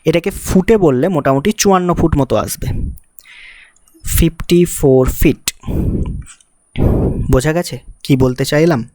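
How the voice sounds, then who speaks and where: A teacher explains physics problems for exam students one step at a time. The voice sits at a middle pitch, and it is recorded close up on a dry mic with no room echo. The teacher keeps asking the student rhetorical questions and uses English technical words in the middle of sentences. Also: quick pace, hardly any pauses, darkish tone. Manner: mixes English technical terms into the talk. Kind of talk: exam-prep physics lesson.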